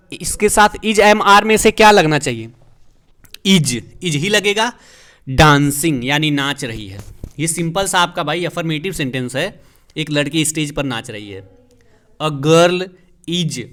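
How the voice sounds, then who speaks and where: A man's voice: a little high, fairly bright tone. A man, teaching English grammar as a teacher, explaining step by step and answering his own questions. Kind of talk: classroom lesson explaining grammar.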